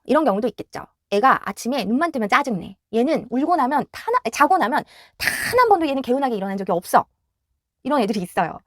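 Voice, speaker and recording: A woman's voice: high voice, sing-song, quick pace, no echo, clean studio sound. A woman giving parents a direct, instructive talk on child rearing, acting out home scenes as she goes. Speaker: parenting educator.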